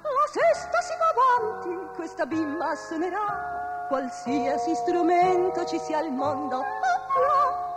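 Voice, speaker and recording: A woman's voice: extremely high pitch, huge pitch swings, slow pace, loud music behind the voice, exaggerated voice. An actress playing a cheerful good fairy who half-sings her gift to a baby. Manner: sing-song, half-singing.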